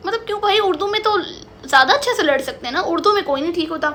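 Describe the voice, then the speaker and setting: A young woman from Pakistan, vlogging at home, telling a story in an animated way, acting out both sides of an argument and slipping into English. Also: very high-pitched, fast, slight background noise. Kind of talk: storytime vlog. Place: lounge at home. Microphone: camera in front of her.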